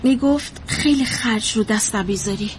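A woman playing a high-voiced, defensive young mother. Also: a little hiss or hum, natural voice. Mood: evasive. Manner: defensive, evasive, breaks into tears. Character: troubled young mother fleeing her baby. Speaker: therapy client. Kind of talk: drama dialogue.

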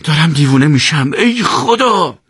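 A man's voice: mid-range voice, husky, no echo, close to an everyday voice. A man voicing a desperate, emotional young male commander who pleads and cries out.

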